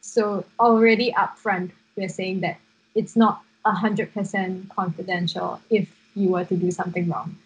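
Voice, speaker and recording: A woman's voice: medium pitch, flat delivery, normal speed, breathy edge, rough recording. A young woman studying psychotherapy, co-hosting a podcast and talking earnestly with many fillers. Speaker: podcast co-host, psychotherapy student. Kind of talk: casual chat.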